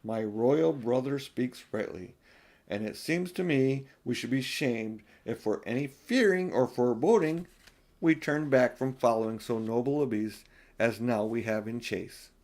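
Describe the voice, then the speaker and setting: A man's voice: mid-range voice, measured pace, a little mellow, lightly acted. A man voicing a courtly, valiant young queen in a storybook, speaking in a formal, archaic way. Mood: resolute.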